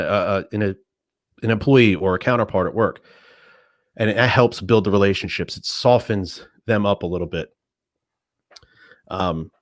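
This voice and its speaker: A man's voice: on the low side, dry recording, studio quality. A man who is a military veteran co-hosting a podcast, talking casually and acting out quoted remarks with animation.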